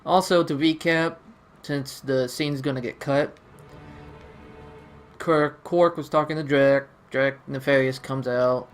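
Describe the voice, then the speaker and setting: A man's voice: medium pitch, steady tone, takes it slowly, faint music behind. A man giving casual, rambling gameplay commentary, playfully talking to himself and the game. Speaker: let's-play gamer.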